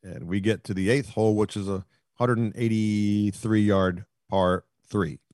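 A man co-hosting a sports talk show, telling a long rambling story that swells into excited, louder bursts. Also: on the low side, a little slow, no echo, clean studio sound. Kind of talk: casual sports chat.

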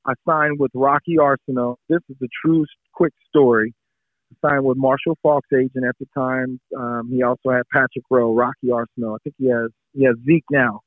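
A man's voice: mid-range voice, no room sound. A middle-aged man, a former pro football player, telling stories in a casual interview and acting out the people in them. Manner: animated, acts out the people in his story. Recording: tinny phone-like line, dry.

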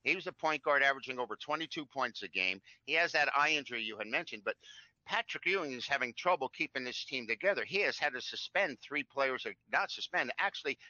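A chatty man co-hosting a sports betting show, rattling off records and trends in a very bright, forceful voice. The sound is dry and a little dull, like a lo-fi recording. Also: mid-range voice, animated, fast, no echo. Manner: chatty, rambling, stacks up stats.

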